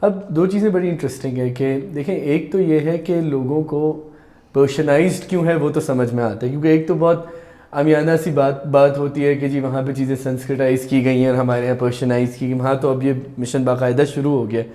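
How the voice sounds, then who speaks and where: A man's voice: medium pitch, steady tone, fairly quick, mellow. A man hosting a podcast, casually setting up questions and mixing in English. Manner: responsive, sets up questions, mixes in English. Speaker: podcast host. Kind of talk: casual chat.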